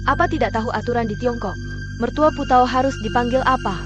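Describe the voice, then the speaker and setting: A woman's voice: fairly high pitch, fast talker, close to an everyday voice. An actress dubbing a bold woman who threatens a rich director, blunt and commanding. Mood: menacing. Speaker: dub actor. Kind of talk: dubbed drama acting. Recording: music playing behind.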